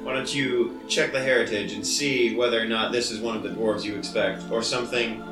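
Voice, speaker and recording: A man's voice: medium pitch, steady tone, brisk, music in the background. A man playing a tabletop game, speaking earnestly and a little hesitantly in character. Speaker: player. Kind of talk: casual in-character chat. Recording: distant mic, roomy echo.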